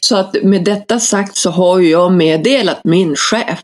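A woman in her forties talks frankly with a friend. Her humor is wry and self-deprecating, and her delivery is relaxed and conversational. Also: fairly low pitch. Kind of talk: casual chat.

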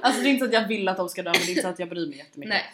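A young woman telling funny stories in casual chat, acting out what people said and laughing often. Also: fairly low pitch. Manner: animated, acts out quotes, laughs often. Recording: echoey room.

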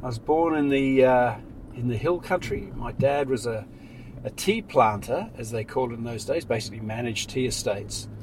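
A man's voice: medium pitch, animated, low-quality recording. Reflective middle-aged man in a car. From Sri Lanka, raised in New Zealand. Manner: reflective, measured, trailing off quietly. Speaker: interview guest. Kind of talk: casual interview in a car. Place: inside a car. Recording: faint road noise.

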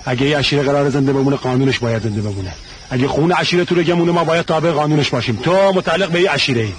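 A man's voice: fairly high pitch, slight background noise, natural voice. An actor playing a domineering clansman. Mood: stern. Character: stern proud clansman lecturing his cousin. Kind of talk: TV drama acting.

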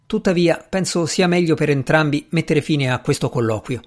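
A man's voice: on the high side, normal speed, natural voice. A man reading aloud voices a grieving, proud society lady with a cutting, scornful manner.

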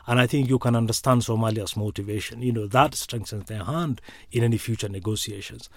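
A man with an East African accent, speaking as an analyst in an interview, deliberately, often repeating words as he thinks. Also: fairly low pitch, a little mellow, dry recording. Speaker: expert analyst being interviewed. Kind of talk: spoken political analysis.

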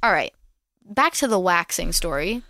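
A woman's voice: on the low side, big pitch swings, bright, forceful tone, no room sound, clean studio sound. A young woman co-hosting a casual chat, frankly giving practical advice and switching between Swedish and English. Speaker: podcast co-host.

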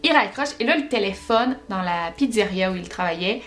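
A woman with a Québécois accent, hosting a podcast and telling paranormal stories in an animated, chatty way. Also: medium pitch, a little fast, soft background music. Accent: Québécois French. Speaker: podcast host.

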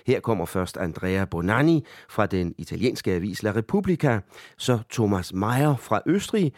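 A man's voice: fairly low pitch, a little mellow, no echo, studio quality. A male news correspondent speaking Danish, reporting and introducing interviewees.

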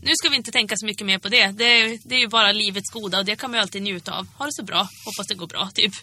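A young woman with a Swedish accent, co-hosting a casual podcast and telling stories with acted-out quotes. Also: mid-range voice. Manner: animated storyteller, acts out quotes. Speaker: podcast co-host. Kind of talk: casual chat.

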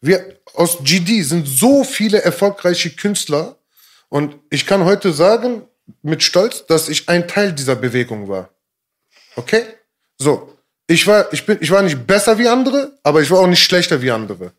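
A man's voice: high voice, very animated, normal speed. A man, a rapper guest in a casual interview, who talks emphatically in street slang, repeats himself and keeps checking in with his listener.

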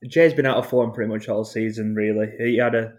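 A man, a guest on a football podcast, giving measured analysis. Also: lowish voice. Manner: measured, even-toned analysis. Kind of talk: casual football podcast chat.

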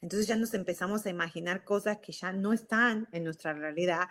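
A woman with an Argentine accent giving an animated motivational talk, acting out everyday scenes. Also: fairly low pitch, brisk. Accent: Argentine Spanish. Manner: animated, acts out everyday scenes, frequent fillers.

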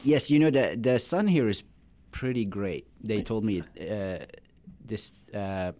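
Brief: Syrian-born cardiologist, thirties, low-ish voice, measured and hesitant. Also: male voice, dark tone. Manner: measured, explanatory, frequent hesitations. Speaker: cardiologist guest. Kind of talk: medical interview.

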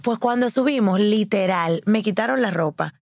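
A woman casually telling a story in a lively way, acting out what others said. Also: mid-range voice, moderate pace, gravelly, dry recording, clean studio sound. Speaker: guest.

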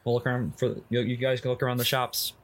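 A man's voice: medium pitch, flat delivery, fast. A man casually narrating and refereeing a tabletop game as the game master.

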